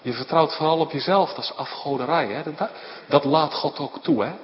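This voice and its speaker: A man preaching a sermon in speech, animated and emphatic, often asking his listeners short questions. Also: on the high side, moderate pace. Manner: animated, rising to emphatic outbursts, frequent tag questions. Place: church. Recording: dull lo-fi recording in a reverberant hall with faint background noise.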